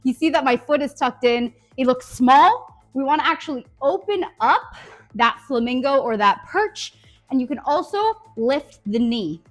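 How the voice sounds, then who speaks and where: Upbeat high-voiced woman dance coach. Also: lively intonation, normal speed, faint music behind. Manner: upbeat, coaching, counts beats aloud. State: out of breath at times. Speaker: dance instructor. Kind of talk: energetic tutorial teaching.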